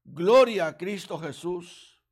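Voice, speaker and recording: A man preaching a sermon, retelling a parable slowly and earnestly. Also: high voice, animated.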